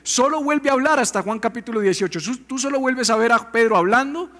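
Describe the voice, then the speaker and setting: High-voiced preacher, animated. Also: male voice, fairly quick, soft background music. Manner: animated, conversational preaching with rhetorical questions. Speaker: pastor. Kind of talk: sermon.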